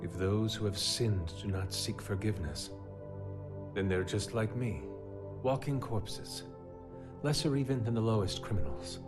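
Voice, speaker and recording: A man plays a solemn subordinate to a king in a game cutscene. His low voice is measured and formal, with loud music underneath. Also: close to an everyday voice. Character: solemn, loyal adult male royal subordinate. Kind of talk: video game cutscene acting.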